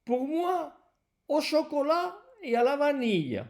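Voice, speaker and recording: A woman's voice: sits high, sing-song, measured pace, darkish tone, voice pushed up, exaggerated voice. A woman reading out the lines of a male diner in a lesson dialogue. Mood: calm. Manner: reads lines plainly.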